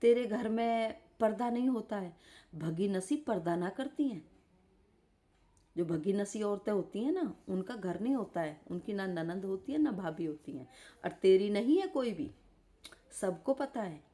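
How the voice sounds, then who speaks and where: Woman live streamer, lies in bed and hurls scolding insults in a roast rant; dark, even tone. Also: mid-range voice, a little slow. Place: lying in bed.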